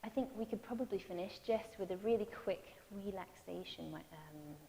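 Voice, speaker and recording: A woman gently leading parents through mindfulness and movement exercises, giving soft cues to breathe. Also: medium pitch, brisk, creaky. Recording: long reverb with faint hiss.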